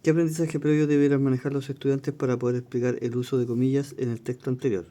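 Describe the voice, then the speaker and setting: A man runs an exam-prep lesson, reading each question aloud and then explaining it. His voice is mellow and warm, at a middling pitch, and he keeps checking in with his listeners as he goes. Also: little pitch movement, fast talker. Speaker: teacher.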